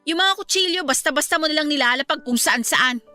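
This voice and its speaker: A woman's voice: high-pitched, fast talker, sharp tone, soft background music. A woman playing a cruel, haughty employer who scolds with contempt in a radio drama. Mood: scornful.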